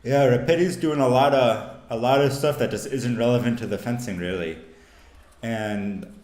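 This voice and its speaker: A man's voice: medium pitch, normal speed, darkish tone. A tired, laid-back man giving casual fencing commentary. He repeats words as he thinks. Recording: roomy echo.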